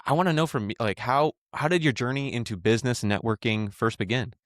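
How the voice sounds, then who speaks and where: A man's voice: mid-range voice, fast, no room sound. A man hosts a podcast and asks friendly, scripted interview questions. His voice sits mid-range. The recording is dry and close. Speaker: podcast host.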